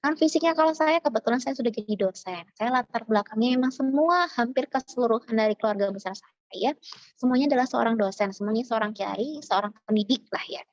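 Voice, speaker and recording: A woman from Java, a university lecturer, speaking in a chatty, animated way with many fillers, as a webinar speaker. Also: on the high side, fairly quick, dry recording, muffled recording. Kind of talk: informal lecture. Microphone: video call.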